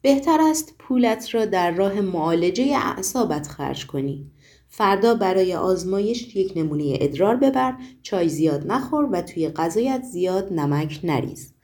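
A woman's voice: fairly low pitch, animated, darkish tone. A woman voicing a stern, dry-spoken older male doctor in a storybook reading, curt and firm.

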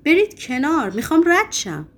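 A woman reading a story aloud, voicing an agitated young male poet who shouts and defies those around him. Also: sits high, sing-song, slight background noise, pitched above the performer's own voice. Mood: defiant. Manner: shouting, frantic, defiant.

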